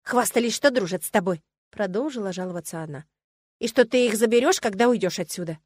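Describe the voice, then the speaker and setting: A woman's voice: mid-range voice, fast talker, no room sound, studio quality, natural voice. A woman voicing a sulky young mare with fangs in an audiobook, grumbling and snorting her complaints. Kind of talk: audiobook character voice.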